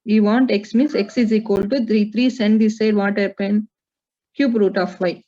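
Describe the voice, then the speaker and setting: A woman's voice: mid-range voice, fairly even intonation, moderate pace, warm tone, slight background noise. A woman with an Indian accent teaching a maths class, working through problems and prompting students with questions. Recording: dull, lo-fi audio.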